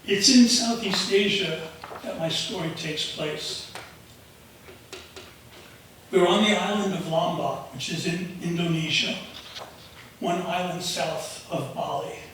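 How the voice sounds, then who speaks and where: A man in his seventies from New York, telling a personal story live in measured short phrases with pauses. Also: high-pitched, fairly bright tone. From United States, raised in the Bronx. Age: 70s. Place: auditorium stage. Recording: very echoey auditorium, noisy, distant.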